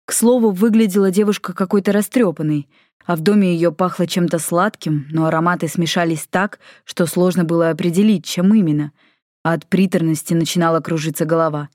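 A woman reading a novel chapter aloud in measured narration. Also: fairly low pitch, steady tone, darkish tone, no room sound, studio quality. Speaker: audiobook reader. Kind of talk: scripted narration.

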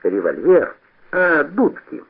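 A man's voice: medium pitch, huge pitch swings, slow pace, vocal fry, breathy edge, full character voice. A man doing a sly spiteful boy, radio play. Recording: tinny old radio broadcast.

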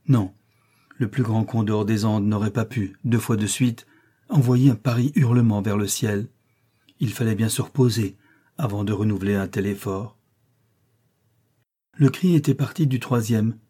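A man reading a classic novel aloud in measured, dramatic scripted narration. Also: lowish voice, mellow, breathy edge. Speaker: audiobook narrator.

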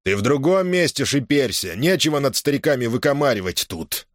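Gruff, proud strongman of the village, read by a male narrator. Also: medium pitch, expressive, a little fast, dry recording, studio quality, voice pushed up, close to an everyday voice. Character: strong proud old-school village man.

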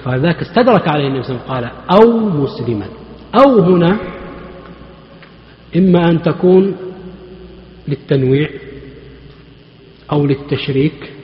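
A man teaching a hadith lesson in a large mosque, with a fairly high-pitched voice. He explains patiently, putting questions to his listeners and then answering them. The sound rings and echoes through the hall on a dull, lo-fi recording. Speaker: Islamic scholar teaching hadith.

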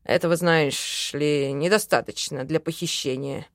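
A woman voicing a calm, sardonic adult male elf in an audiobook, with a dry, measured delivery. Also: deep voice, no room sound, pitched below the performer's own voice. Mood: wry. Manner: dry, measured, mildly mocking. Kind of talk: audiobook character voice.

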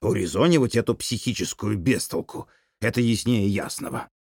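A man voicing a gruff, stubborn older man who answers in low, curt mutters. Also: lively intonation, normal speed, a little mellow, no echo, studio quality. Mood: grumbling.

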